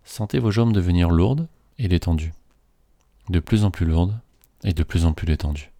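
A man slowly reading a guided relaxation script in a soothing, measured way. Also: low-pitched, mellow, no echo.

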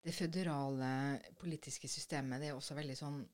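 A woman's voice: rumbling low, steady tone, darkish tone. A woman co-hosting a conversational podcast, explaining things thoughtfully with frequent hesitations. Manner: thoughtful, hesitant with many fillers. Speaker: podcast co-host.

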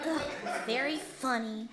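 A woman's voice: a little high, measured pace, a crowd in the background, natural voice. A woman voicing a bossy young boy who is easily flustered, with a whiny, exasperated way of talking.

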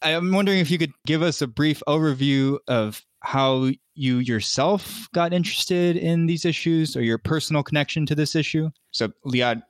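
A man's voice: a little high, moderate pace, few pauses, no echo. Male host, resonant clean voice, polite interviewer, dry sound. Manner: polite, inviting questions. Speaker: podcast host. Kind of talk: interview questions.

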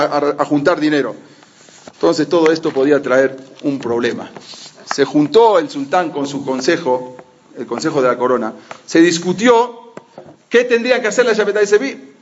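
A man teaching a religious history lesson as an animated story, sometimes slipping into the voices of the people he quotes. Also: on the high side. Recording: muffled lo-fi audio.

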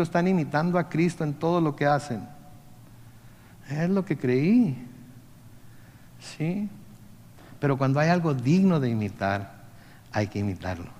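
A man's voice: fairly high pitch, darkish tone, long reverb tail. A man preaching a conversational sermon as pastor, often asking the congregation questions.

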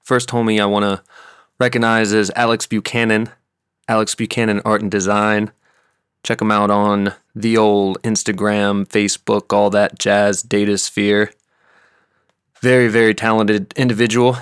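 An American man hosting a podcast in a laid-back, slangy way, with a smooth, sultry DJ-style voice. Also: lowish voice, fairly bright tone, no room sound, studio quality. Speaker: podcast host. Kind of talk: casual podcast talk and interview.

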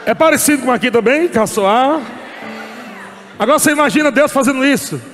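A man preaching a sermon as pastor, animated and often shouting and laughing, at a church service. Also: very high voice, a little fast. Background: music.

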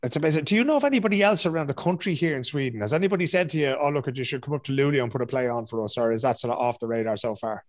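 A man, hosting a relaxed, conversational interview and asking chatty questions. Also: mid-range voice, rapid-fire, hardly any pauses. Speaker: interviewer, host.

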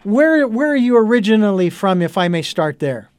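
A man's voice: high-pitched, sing-song, moderate pace, a little mellow, clear, resonant tone, no room sound. A middle-aged man hosting a radio talk show, rambling along with lots of fillers and restarts. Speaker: host.

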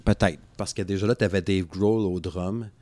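A man in his thirties with a Quebec French accent co-hosts a podcast, rambling casually about music and laughing often. His voice is low, steady and dark, at a moderate pace with no echo.

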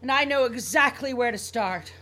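A woman's voice: fairly high pitch, normal speed, sharp tone. A woman voicing a fanatical robot rabbit rebel leader, ranting grandly and cackling like a maniac. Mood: maniacal. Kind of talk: cartoon voice acting.

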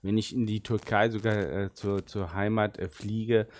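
A middle-aged man living in Germany, whose first language is Arabic, gives thoughtful, unhurried answers in a casual interview as a football sporting director. His voice sits on the low side with a steady tone, and there's a little hiss or hum.

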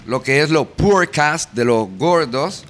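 A man's voice: a little high, expressive, slow pace, fairly bright tone, slight background noise. A man from Panama with a Panamanian accent, a guest DJ telling stories animatedly in a casual interview and mixing in English words. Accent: Panamanian Spanish.

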